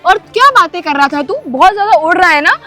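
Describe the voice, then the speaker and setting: A woman's voice: very high-pitched, animated, brisk, pushed and bright, faint music behind. A young woman acting an arrogant rich girl in a scripted drama, scornful and insulting.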